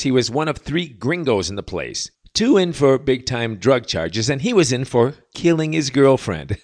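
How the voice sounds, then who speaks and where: Sarcastic man with a lively voice. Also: mid-range voice. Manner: sarcastic, mocking. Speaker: podcast host. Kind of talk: sardonic monologue. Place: living in Latin America.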